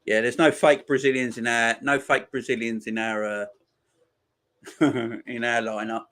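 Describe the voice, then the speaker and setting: A man's voice: mid-range voice, little pitch movement, measured pace, a bit bright. A man, hosting a casual football livestream and chatting with viewers, laid-back and slangy, laughing often. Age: 40s. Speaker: livestream host. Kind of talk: casual chat reading viewer comments.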